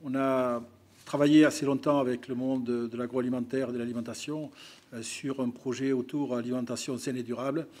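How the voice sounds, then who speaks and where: A man on a conference panel talks through an example. He hesitates and fills pauses as he goes, at an ordinary pitch and steady pace. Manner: hesitant, many fillers. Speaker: panel speaker. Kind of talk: panel discussion.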